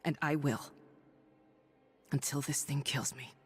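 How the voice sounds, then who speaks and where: In a dramatic video game audio log monologue, an ailing woman doctor turned hero speaks with weary, stubborn defiance, halting and confiding yet resolute. Her husky, breathy, creaky voice rumbles low in a steady tone, heavily acted with a long reverb tail, conveying weary resolve.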